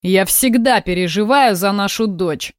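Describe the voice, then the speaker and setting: A bitter, idle husband, read by a woman in an audiobook. He snaps in a sullen way, at a middling pitch. The recording is dry and close. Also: unhurried, clean tone, no room sound, close to an everyday voice. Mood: resentful. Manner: sullen, snapping.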